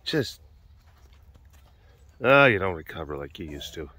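Speaking low and sing-song at an unhurried pace, an aging sanctuary keeper and vlogger rambles outdoors beside big cat enclosures. His slightly hoarse, partly lost voice turns to soft baby talk with the animals. It's picked up by a handheld camera mic while he stays off camera, in a dry recording.

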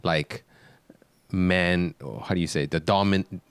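A man co-hosting a casual chat, speaking in a slow, deliberate and careful way. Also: sits low, steady tone, clean tone, no room sound. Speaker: podcast co-host.

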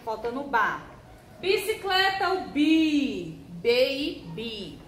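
A high-voiced woman with a Brazilian Portuguese accent leads a young class through syllables, her pitch swooping up and down as she stretches out each word. She talks slowly and patiently, like a primary school teacher. Her voice rings in an echoey room with a faint hiss underneath. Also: sing-song, fairly bright tone. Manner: slow, sing-song syllable drilling with stretched words. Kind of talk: recorded first-grade handwriting lesson.

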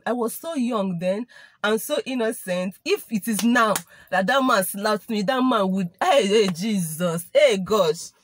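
A woman's voice: medium pitch, dry recording. A young woman with a Nigerian English accent talks straight to her viewers in a loose, chatty storytelling voice. She mixes Igbo and Pidgin phrases into her English. The sound is dry and close, with no room around her. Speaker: vlogger. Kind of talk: casual storytime monologue.

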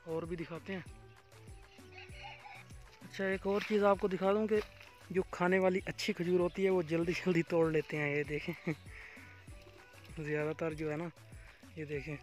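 A man's voice: on the high side, little pitch movement, moderate pace, long pauses, soft background music. A young man vlogging outdoors in a date palm farm, chatting casually and pointing things out to viewers while filming with a handheld phone. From Pakistan. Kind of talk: casual walking tour vlog.

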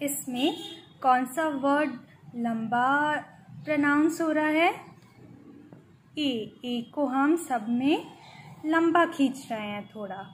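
A woman teacher with an Indian English accent takes a young class through simple words and sounds them out letter by letter. Her voice sits high and she speaks at a very slow, deliberate pace, moving between English and Hindi. A faint hiss runs under the recording. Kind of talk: online grammar lesson for young children.

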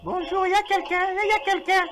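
A desperate mother, voiced by a man, calls out and begs for help in a strained, high voice. Heavy hiss from a radio broadcast sits underneath her. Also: flat delivery, moderate pace. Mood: pleading. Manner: high-pitched, calling out and pleading.

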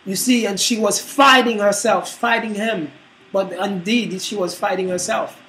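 A man's voice: high voice, fairly even intonation, unhurried, pushed and bright, rough recording. A man hosting a casual, preachy monologue, speaking emphatically and rambling through his points. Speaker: host.

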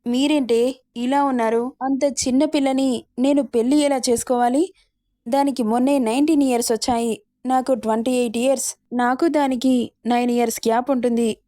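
A man's voice: extremely high pitch, fairly even intonation, moderate pace, warm tone, dry recording, studio quality. A woman voicing a bossy, domineering man in his late twenties, the romantic hero of a spoken storybook. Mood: exasperated. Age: 20s. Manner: domineering, commanding.

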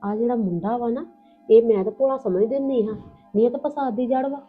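This woman talks fast, her voice a little high and slightly rough, as she plays a blunt, motherly old aunt on the father's side who scolds and protects. It's a Punjabi village family drama with a Punjabi accent. The sound is lo-fi and tinny like a phone, with music.

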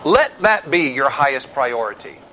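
A middle-aged man preaching a church sermon, building to emphatic points and dropping to a hushed altar call. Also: mid-range voice, very animated, moderate pace, slight background noise, rough recording. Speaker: pastor. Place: church sanctuary.

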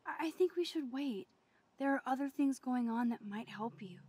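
A woman's voice: sits high, animated, moderate pace, dark tone, breathy edge. An actress playing an earnest, quirky teenage girl, a student photographer in a video game. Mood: earnest, worried.

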